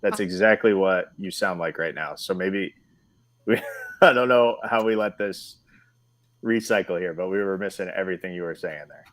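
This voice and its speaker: A man co-hosting a casual fantasy football podcast, joking and talking quickly. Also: low voice, fairly bright tone. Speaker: podcast co-host.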